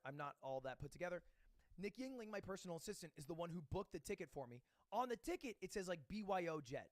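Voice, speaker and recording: A man's voice: high-pitched, no room sound, clean studio sound. A man streaming, casually telling a self-mocking story to his chat and acting out the other people in it. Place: home streaming setup.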